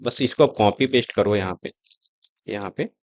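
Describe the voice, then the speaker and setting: A man teaching a screen-recorded coding lesson, talking step by step in a relaxed, conversational way as he types and shows results. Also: fairly low pitch, normal speed, dry recording, dull audio. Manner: conversational, explaining step by step while typing. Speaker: coding tutor.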